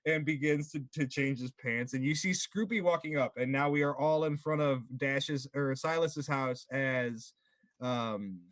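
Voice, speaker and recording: A man narrating a tabletop game casually as game master, halting and giggly as he improvises. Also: medium pitch, a bit bright, dry recording.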